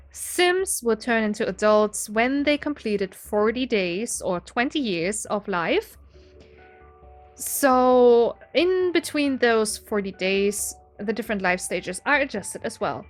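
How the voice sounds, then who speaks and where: A gaming video creator in her twenties speaks with a German accent and a fairly high pitch. She casually explains her game setup, chatty and self-deprecating, often laughing as she goes.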